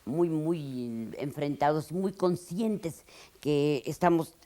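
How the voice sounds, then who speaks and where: An elderly woman from Mexico in her eighties, speaking in an expressive, halting way with restarts and dramatic emphasis. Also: low voice. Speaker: writer interviewed in archive footage. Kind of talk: reflective interview.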